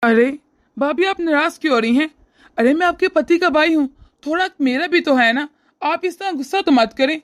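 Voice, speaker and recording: A smug, leering young brother-in-law from a cartoon, as a woman voices him. He talks in an oily, teasing way in a fairly high voice. The recording is dry and close. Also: moderate pace, no room sound, close to an everyday voice. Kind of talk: cartoon voice acting.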